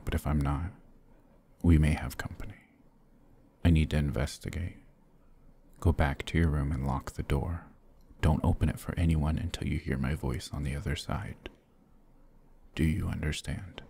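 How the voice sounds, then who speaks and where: A man portrays a brooding, protective, courteous vampire lord in intimate ASMR, heavily acted at an extremely low pitch with a little hiss or hum. Though his husky, halting speech is gentle and formal, the mood is uneasy and urgent.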